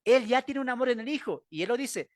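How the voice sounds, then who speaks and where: A man's voice: very high-pitched, expressive, brisk, dry recording, clean studio sound. A man with a Bolivian accent teaching a Bible class, emphatic and full of rhetorical questions. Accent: Bolivian Spanish.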